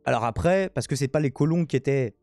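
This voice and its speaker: A young man with a mellow, dark voice reads news aloud on his stream. He stops often to comment, with many fillers and restarts. The sound is dry and close. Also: mid-range voice, fast talker, no echo, faint music behind. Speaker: streamer host. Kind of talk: casual live commentary reading news.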